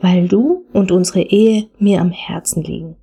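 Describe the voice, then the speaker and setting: A woman voicing an earnest husband who asks his wife again and again, in a gentle, steady way. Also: fairly low pitch, unhurried, gravelly, slightly rough, full character voice. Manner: gentle, steady, repetitive asking. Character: earnest middle-aged husband patiently asking his wife.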